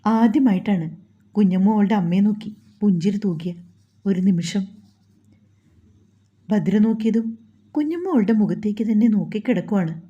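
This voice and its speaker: A woman narrating a novel in a slow, gentle, emotional reading. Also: mid-range voice, muffled recording.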